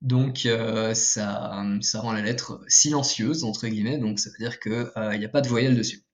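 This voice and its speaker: A man's voice: lowish voice, fairly even intonation, normal speed. A man giving a casual video lesson, explaining step by step with frequent fillers and self-corrections while drawing with a pen. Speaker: language teacher.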